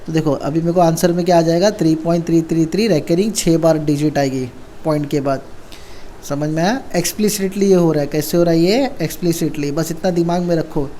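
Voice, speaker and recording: A man's voice: on the high side, steady tone, brisk, warm tone, a little hiss or hum. A man teaching a casual coding lesson, who keeps asking and answering his own questions and repeats the key words. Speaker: programming tutor.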